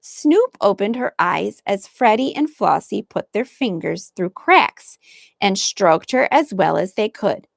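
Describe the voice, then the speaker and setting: Teacher reading to learners; slow, careful, lively delivery with gravel in the voice. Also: female voice, mid-range voice, no echo, clean studio sound. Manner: slow, clearly articulated reading. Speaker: English teacher reading aloud. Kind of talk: storybook read-aloud.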